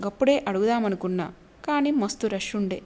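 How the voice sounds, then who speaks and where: A woman storyteller voicing a gossipy young working-class man who talks in a hushed way. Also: sits high, brisk, lightly acted.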